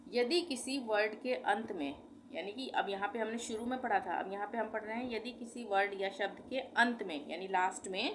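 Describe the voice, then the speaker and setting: A woman's voice: medium pitch, slight background noise. A woman teaching a language lesson, patiently spelling out words letter by letter and repeating each one.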